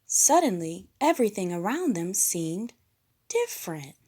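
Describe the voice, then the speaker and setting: In a mid-range voice and at a measured pace, a woman brings a children's storybook to life with expressive narration, while background noise runs underneath.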